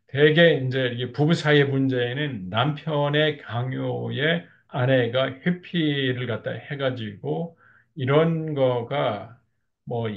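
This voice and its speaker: A man's voice: mid-range voice, creaky, highs cut off. A man lecturing on marriage counseling, explaining steadily with frequent filler words. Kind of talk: lecture on couple communication.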